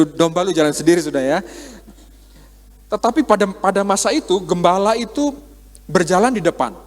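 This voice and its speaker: Man preaching a conversational sermon in a reverberant hall. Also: sits high. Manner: conversational, with quoted dialogue and rhetorical questions. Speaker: pastor. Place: church hall.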